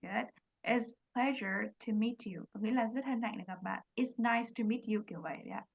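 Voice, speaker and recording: A woman English teacher with a Vietnamese accent, explaining quickly in Vietnamese and modeling English words slowly on a video call. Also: a little high, vocal fry, dull audio. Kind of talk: online English lesson, mixing Vietnamese and English.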